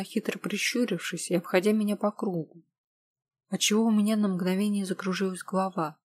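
A woman narrating a novel in the first person with a calm, steady, husky voice. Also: mid-range voice.

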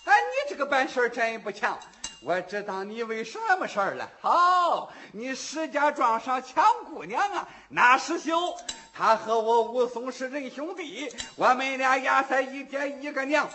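A storyteller voicing a hot-tempered, boastful young hero who shouts and rages brashly. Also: male voice, extremely high pitch, lively intonation, a little slow, a little hiss or hum, exaggerated voice. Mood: furious. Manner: shouting, leaping and raging, brash. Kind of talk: traditional storytelling performance.

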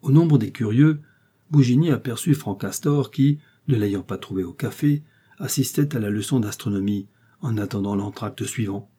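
Husky, dark-voiced male story reader. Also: on the low side, moderate pace. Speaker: audiobook reader. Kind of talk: reading a comic 19th-century short story.

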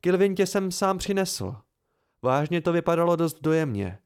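A man voicing a brisk, dryly teasing young woman healer in a read-aloud novel. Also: a little high, big pitch swings, smooth, pitched above the performer's own voice.

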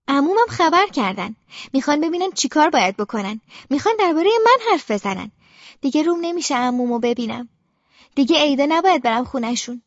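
Soft-spoken high-voiced woman narrating. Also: no room sound, highs cut off. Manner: quiet, subdued and brooding. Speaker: audiobook narrator. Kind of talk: first-person audiobook narration of a young girl.

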